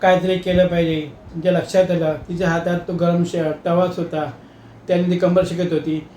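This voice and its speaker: A man telling a comic story in a lively, dramatic way. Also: high voice, a little fast, echoey room, a little hiss or hum.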